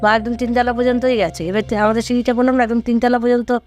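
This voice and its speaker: A man's voice: extremely high pitch, steady tone, racing, faint music behind. Rambling man telling a ghost story. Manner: rambling, repeats phrases, many fillers. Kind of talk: casual storytelling.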